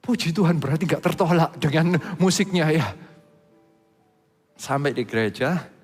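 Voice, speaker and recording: A man preaching a sermon, telling a personal testimony in an animated way, his voice jumping higher when he gets excited. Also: moderate pace, breathy edge, soft background music. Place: church hall. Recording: long reverb of a church hall.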